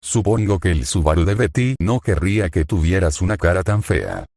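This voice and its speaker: Guy doing a bossy little spirit girl, low and soft for her, dry sound. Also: very animated, normal speed, no room sound, heavily acted. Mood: haughty. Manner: haughty, fond underneath. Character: haughty little girl spirit, secretly fond.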